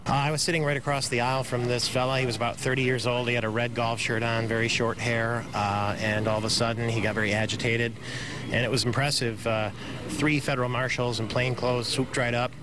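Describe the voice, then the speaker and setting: A man's voice: mid-range voice, flat delivery, a little fast, a crowd in the background. A man recounting what he saw as an eyewitness in a news interview. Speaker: eyewitness passenger. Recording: noisy interview with vehicle ambience.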